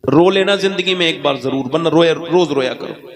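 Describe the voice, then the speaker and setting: A man preaching a storytelling sermon to a large gathering, emotional and fervent, rising to high cries and speaking straight to his listeners. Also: normal speed. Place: public religious gathering before a large audience. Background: crowd.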